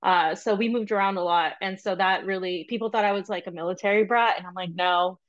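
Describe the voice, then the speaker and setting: Mid-range and steady, her voice arrives through dull-sounding audio. The young woman, from Peru and raised in Florida, is a chatty podcast guest whose casual interview answers ramble with frequent ums and quick asides.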